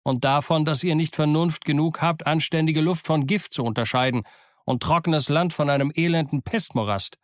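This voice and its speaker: A man voicing a calm, stern middle-aged ship's doctor who talks in a dry, brisk, scolding way. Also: on the high side, no echo, voice pushed up, lightly acted.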